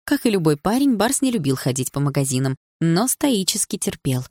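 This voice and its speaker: A woman reading an audiobook in steady, even storytelling narration. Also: low-pitched, brisk, no room sound, studio quality. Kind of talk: scripted narration.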